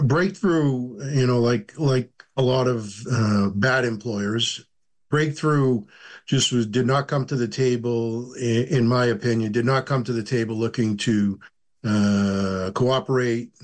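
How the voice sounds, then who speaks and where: A middle-aged or older man giving unscripted interview answers as a guest, with halting, deliberate phrasing. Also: mid-range voice. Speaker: union director, interview guest.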